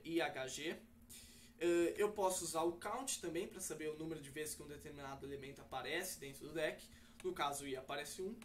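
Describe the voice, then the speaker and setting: Man, coding teacher, higher voice, slightly distant mic, faint background hiss, step-by-step explaining with fillers. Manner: explains step by step with many fillers and self-corrections. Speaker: programming teacher. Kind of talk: screen-recorded coding lesson.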